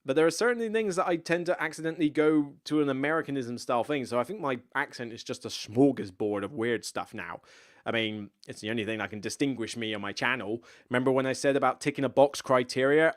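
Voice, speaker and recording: A man in his thirties with a Somerset West Country accent, hosting a casual live Q&A and chatting in a rambling, self-deprecating way with plenty of asides. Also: mid-range voice. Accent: West Country Somerset, slightly blurred. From West Country, England. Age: 30s. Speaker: board game channel host.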